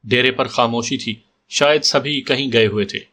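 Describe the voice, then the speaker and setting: A male storyteller reads a detective story in a calm, steady voice. His pitch sits in a middle range. The reading stays even from line to line. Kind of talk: scripted audiobook narration.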